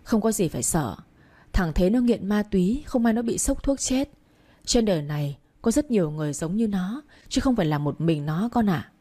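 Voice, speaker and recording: A kindly middle-aged aunt in a storybook, gentle and soothing, as a woman reads her part. Her voice is warm and mellow. She reassures the listener patiently. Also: mid-range voice, lively intonation, moderate pace, lightly acted. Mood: comforting.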